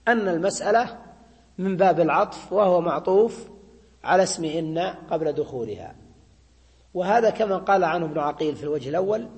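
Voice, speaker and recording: A man's voice: sits high, in a large hall. A man giving a classroom grammar lecture. He explains step by step, repeats his points and keeps checking in with students. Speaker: Arabic grammar teacher.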